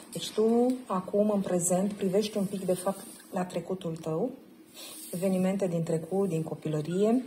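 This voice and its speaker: A woman leads a participant through a tarot reading in a gentle, probing way, often pausing to check that she is understood. Her voice sits fairly low and sounds warm and mellow. Faint ambient sound hums in the background. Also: a little hiss or hum. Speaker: tarot reader guiding a participant. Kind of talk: guided tarot card reading. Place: group session at a camp.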